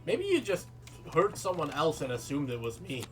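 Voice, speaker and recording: A man's voice: fairly high pitch, huge pitch swings, moderate pace. A man from continental Europe, a native Dutch speaker, casually commenting on a game for his chat in a dry, self-mocking way. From Europe, not the British Isles. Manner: dry, self-mocking, talks to chat while reading game text aloud. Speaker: streamer. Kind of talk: live game stream commentary. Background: game music.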